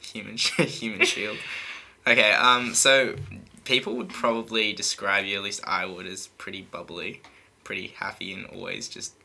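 A woman's voice: a bass voice, little pitch movement, moderate pace, creaky, sharp tone. A young woman at college, interviewing a friend casually, dry and teasing as she steers the talk. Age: young adult.

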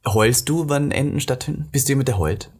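A man's voice: mid-range voice, fairly quick, darkish tone, slightly rough. A man co-hosting a podcast, telling a story in a camp, teasing way and acting out the quotes. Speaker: podcast co-host. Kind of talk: casual podcast chat, storytelling.

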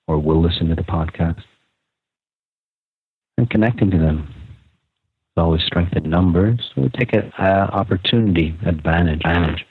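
A man leading a guided meditation podcast in a calm, casual, unscripted way, with pauses between short phrases. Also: low voice, slightly rough, dry recording. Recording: muffled, phone-like narrow sound.

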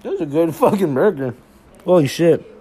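A man's voice: a little high, very animated, moderate pace, mellow. A young man hosting a casual podcast, swearing freely and rambling while hanging out at a backyard barbecue with friends. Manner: profane, rambling. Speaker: podcast host. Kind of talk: casual chat. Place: backyard barbecue, partly outdoors.

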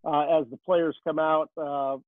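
A man telling behind-the-scenes stories as a rinkside hockey reporter, rambling and chatty with lots of fillers. His voice sits a bit high, and it comes through a thin, phone-like line. The sound is dry and close, with no room echo. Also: flat delivery, normal speed. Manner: chatty storyteller, many fillers. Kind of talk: casual interview answers.

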